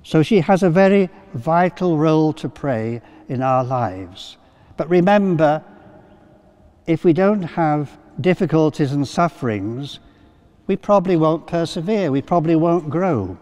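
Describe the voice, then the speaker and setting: An older priest gives a sermon in a slightly raised voice, telling his story gently with pauses and little fillers. His words ring out with the long reverb of a big cathedral, picked up by a pulpit mic. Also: fairly high pitch, expressive, lo-fi sound. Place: large cathedral.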